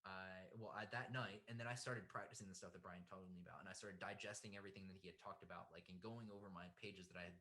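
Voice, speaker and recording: A man's voice: low-pitched, fast talker, few pauses. A young man, a comic artist, telling a story in casual chat, full of fillers and acting out what others said. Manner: animated, acts out quotes, many fillers.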